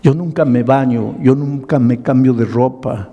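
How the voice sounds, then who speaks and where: A man's voice: medium pitch, unhurried, big-room sound, highs cut off. A man voicing a grieving homeless drunkard who confesses his past in a pleading voice. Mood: anguished. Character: grieving homeless adult male drunkard, remorseful.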